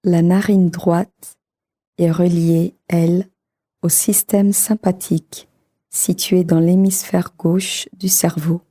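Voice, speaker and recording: Guiding listeners toward sleep, a woman speaks in a soft, fairly low voice that turns breathy at moments. Her pacing stays calm, soothing and measured throughout.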